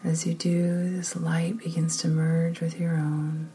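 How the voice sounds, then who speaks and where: A woman leading a guided meditation in a soft, often whispered, slow and soothing voice. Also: low voice, little pitch movement, slight background noise.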